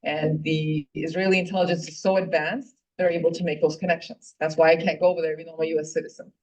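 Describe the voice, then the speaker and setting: A woman's voice: deep voice, flat delivery, fast talker, a little mellow. A middle-aged woman giving a heartfelt, impassioned personal speech at a political club meeting, speaking earnestly with frequent fillers and restarts. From Puerto Rico. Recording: distant, dull lo-fi room recording.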